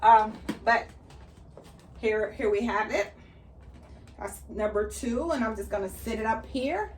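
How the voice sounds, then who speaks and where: A woman talks through her backyard gardening in a casual, chatty way, explaining every step as she goes. Her voice sits on the higher side. The mic is placed a little away from her. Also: unhurried, a little hiss or hum. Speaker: gardening vlogger. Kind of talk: casual how-to chat while working. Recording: slightly distant mic.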